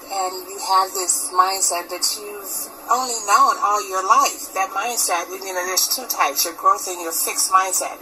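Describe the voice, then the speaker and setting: A woman, an author and leadership coach, explaining her ideas earnestly and at a quick pace as a radio guest. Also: mid-range voice, rough recording. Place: radio studio. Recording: radio broadcast.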